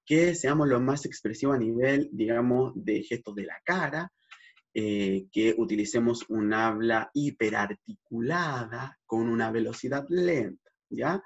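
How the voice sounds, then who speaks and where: Gravelly man explaining slowly. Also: medium pitch. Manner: hyperarticulated, frequent "¿ya?" checks, demonstrates vowel sounds expressively. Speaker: speech therapist. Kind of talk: educational explanation. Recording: dull lo-fi recording.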